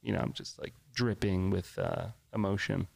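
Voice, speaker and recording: Brief: male podcast guest, low gravelly voice, rambling casual delivery with fillers. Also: steady tone, normal speed, a little mellow, no echo. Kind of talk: casual chat.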